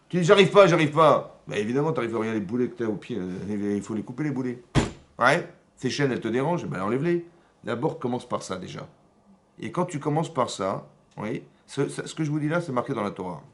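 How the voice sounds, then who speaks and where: A man with a French accent, a rabbi giving a lively Torah lesson in a synagogue, often asking his listeners questions and raising his voice to stress points. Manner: animated, asks the audience questions, rises in pitch and loudness to stress points. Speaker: rabbi teaching a class.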